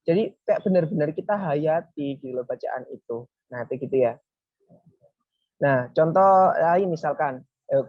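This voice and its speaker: A religious speaker, giving a casual Friday talk and explaining step by step in a relaxed way. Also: medium pitch, no echo. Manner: relaxed, explaining step by step, often saying "nah, itu gitu"; talks to a helper advancing slides. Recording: dull, lo-fi, dry.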